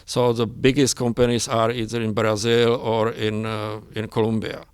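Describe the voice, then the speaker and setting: A man with a smooth, resonant voice speaking English, halting and full of fillers. The sound is dry and close, with no room echo. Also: on the low side, completely flat delivery. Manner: halting, many fillers, non-native phrasing. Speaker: pathology professor, guest. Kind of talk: interview.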